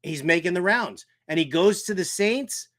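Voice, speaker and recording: Broadcasting a sports talk show from a shed turned home studio, a man delivers joking, theatrical commentary full of emphatic repetition. His voice is high, animated and a bit bright, at a normal speed.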